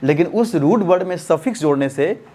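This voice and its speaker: A male English teacher's voice sits on the higher side for a man as he delivers a classroom lesson. He keeps asking his students questions and answering them himself, shifting into a slow, deliberate dictation pace whenever he spells out a word.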